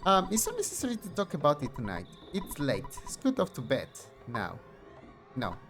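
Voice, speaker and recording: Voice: mid-range voice, wildly swooping pitch, moderate pace, fairly bright tone, soft background music. A game streamer reading the lines of a caring mother from a retro game. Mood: motherly. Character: gentle motherly woman, caring mom.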